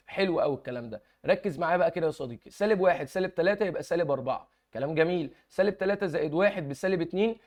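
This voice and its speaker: A young man with an Egyptian Arabic accent leads an exam review lesson at a rapid clip. His voice sits somewhat high. He keeps coaxing the viewer along, asking questions and answering them himself. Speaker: math teacher.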